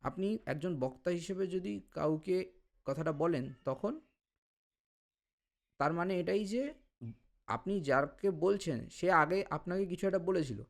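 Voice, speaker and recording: A man explaining language study as a tutor, patient and step by step, sounding out syllables slowly. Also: a little high, creaky.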